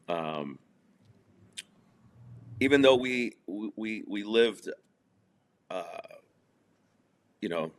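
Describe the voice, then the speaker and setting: A low-pitched man with a fairly bright tone tells his life story as a podcast guest in a casual interview. Originally a Spanish speaker and from New Jersey, he's chatty, uses lots of fillers, and laughs at his own jokes.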